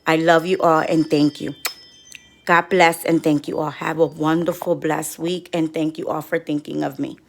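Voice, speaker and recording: A middle-aged woman vlogger telling viewers a story in a casual, animated way, acting out what others said. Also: deep voice, normal speed, creaky. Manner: rambling with many restarts. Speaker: couponing vlogger. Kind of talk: casual personal update to viewers.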